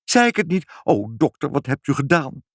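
A fretting mother from a children's story, warning and urging with a lively, swooping voice, played by a man reading aloud. She sounds anxious and insistent. The recording is close and dry. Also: on the high side, moderate pace, no echo, pitched above the performer's own voice. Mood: dismayed.

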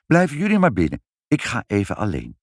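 A man voicing a brisk, bold mother in a children's story, speaking decisively in a slightly raised voice. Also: lowish voice, wildly swooping pitch, dry recording, studio quality. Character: brisk, bold mother who was once a cat.

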